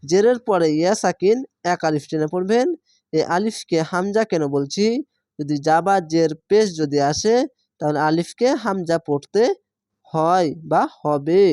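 A woman teaching Quran reading from Bangladesh, spelling each syllable slowly, then blending it into the whole word. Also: lowish voice, mellow, no echo, clean studio sound. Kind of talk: slow spelled-out recitation lesson.

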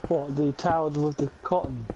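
A man's voice: on the high side, fairly even intonation, moderate pace, creaky, mellow. A man playing a game with a friend, chatting in a jokey, offhand way and swearing freely. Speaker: co-player on a game stream. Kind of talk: casual gaming chat. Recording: dull lo-fi stream audio with hiss.

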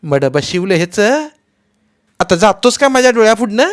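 A man voicing an enraged village mother who shouts harsh scolding at her son, in a storybook reading. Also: a little high, unhurried, pitched above the performer's own voice, close to an everyday voice. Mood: furious.

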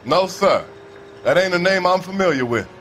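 Wary American railway worker, higher-pitched. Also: male voice, lively intonation, moderate pace, fairly bright tone. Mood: plain, wary. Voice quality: folksy, colloquial, defensive. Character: wary working-class 1940s railway worker. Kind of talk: naturalistic game acting. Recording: noisy outdoor ambience.

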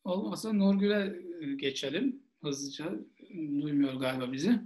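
High-pitched male seminar lecturer. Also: expressive, moderate pace, darkish tone. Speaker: seminar lecturer, Gulf studies expert. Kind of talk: online seminar question-and-answer. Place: small plain room indoors. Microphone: video call, earphone headset.

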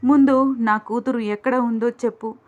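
A woman's voice: a little high, moderate pace, lightly acted. Woman reading a scornful, accusing young wife. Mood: angry. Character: angry distrustful young wife and mother. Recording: dull lo-fi recording.

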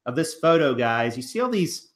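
A man's voice: medium pitch, sing-song, normal speed. Thirties male co-host, casual and rambling, restarts often, recorded on a home webcam. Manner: rambling, many fillers and restarts. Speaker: co-host of a reselling channel. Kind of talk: casual chat over photos. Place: living room, on a couch.

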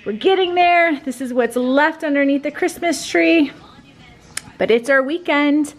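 A woman's voice: sits high, a little slow. A woman in her thirties chatting casually to the camera for a family vlog, rambling with fillers while running errands. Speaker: family vlogger.

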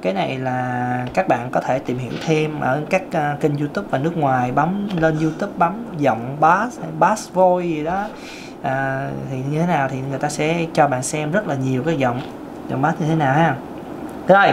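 Talking straight to the camera in a relaxed, chatty way, a male vocal coach shows off various vocal registers while describing them. He's on the high side, speaks at normal speed, and the background is noisy.

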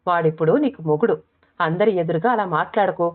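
A woman narrator voicing a fond middle-aged mother who fusses and gently scolds her grown daughter. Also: fairly low pitch, brisk, natural voice. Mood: scolding. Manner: gentle, fussing, scolding softly. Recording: tinny phone-like audio.

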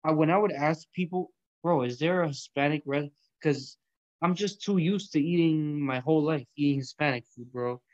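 A young Colombian man hosts an online audio room from a small indoor space, chatting casually about food and math. His fairly high voice moves at a normal speed, and the dull recording has no room sound. He's laid-back, using loose, profane slang full of "bro" and "yo."

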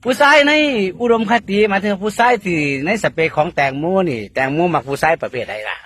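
A woman's voice: low voice, big pitch swings, fast talker, a little hiss or hum. A woman with an Isan accent hosting a joking, slapstick-style interview. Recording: music behind the voice.

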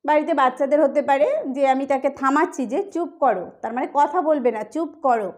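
Bengali-accented woman, high voice, patient phrase-drilling English tutor for beginners. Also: darkish tone. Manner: slow, carefully drilled repetition of phrases. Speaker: English teacher. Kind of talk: spoken English lesson for beginners.

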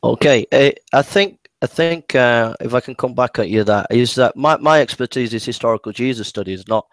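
Man, mid-pitched, halting and repetitive, debating, dry close sound. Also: no room sound. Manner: hesitant, many restarts and repeated words. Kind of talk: casual debate.

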